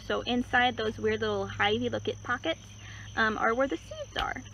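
Woman nature guide on a pond walk, relaxed and chatty, fairly high voice, loud crickets and insects around her. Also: moderate pace, rough recording. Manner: relaxed, chatty, many fillers and hedging words. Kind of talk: casual outdoor nature walk explanation. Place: outdoors beside a pond. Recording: outdoor recording with clear insect and cricket noise. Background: crickets and insects in a rural setting.

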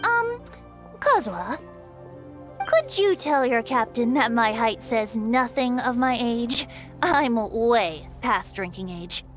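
A woman's voice: on the high side, big pitch swings, takes it slowly, soft background music. A woman voicing a carefree, playful young male bard in a game, with a breezy, wheedling way of talking.

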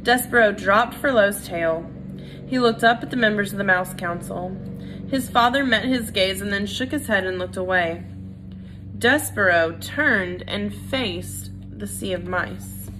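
A woman's voice: mid-range voice, measured pace, music in the background, rough recording. A woman reading a children's book aloud, with casual, friendly asides to her listeners. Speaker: reader.

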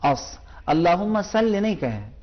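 A man's voice sitting a little high, teaching Quran recitation in a broadcast lesson. He explains patiently and drags out each sound in slow repetitions to demonstrate it. The audio has a dull, muffled, lo-fi television quality. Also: animated. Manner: patient, demonstrates sounds by repeating them slowly.

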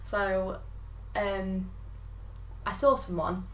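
A woman's voice: medium pitch, level tone, drawn-out words, fairly bright tone, recorded from a distance. Giggly young woman, echoey room. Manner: giggly, laughs often while telling a story. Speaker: guest. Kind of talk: casual chat. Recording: echoey room with faint background noise.

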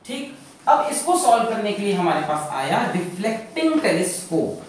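A man teaching a physics lecture, lively and full of rhetorical questions, mixing English terms into his explanation. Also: high voice, moderate pace, a little hiss or hum. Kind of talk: classroom lecture. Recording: echoey classroom from far off.

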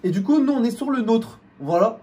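A man's voice: very high-pitched, lively intonation, fairly quick, warm tone, husky. A man from France, a YouTuber co-host, casually explaining things to his viewers with many restarts and fillers.

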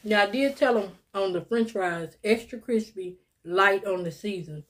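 A woman's voice: medium pitch, measured pace, a bit bright. A woman, chatting casually to viewers while eating in a mukbang vlog, calling them y'all and little sis. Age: 50s. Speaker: mukbang vlogger.

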